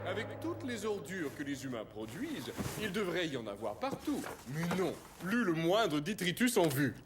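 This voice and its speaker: Scheming cartoon fish villain: highish, animated pitch, pompous and gloating, music underneath. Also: male voice, moderate pace. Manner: pompous, gloating, melodramatic villain with flowery phrasing. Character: scheming, vain villainous pet fish, theatrical and bossy.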